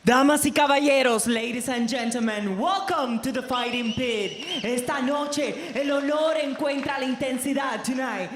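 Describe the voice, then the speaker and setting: A man working as a bilingual ring announcer in theatrical lucha libre style, booming like a showman and drawing out names in a sung shout. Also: moderate pace, few pauses. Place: live fight arena. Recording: echoing arena PA with loud crowd noise.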